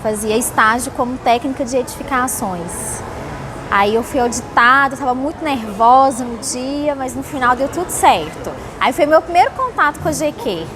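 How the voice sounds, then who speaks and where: A company employee from Salvador, Bahia, Brazil, answers interview questions by telling casual personal stories. Her voice is high-pitched and lively at a moderate pace, and vehicle sounds make the background noisy.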